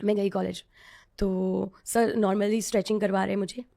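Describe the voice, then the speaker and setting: A woman's voice: medium pitch, flat delivery, normal speed, gravelly, warm tone. A woman telling a personal story as a podcast guest, earnest and confiding. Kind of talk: personal story told in an interview.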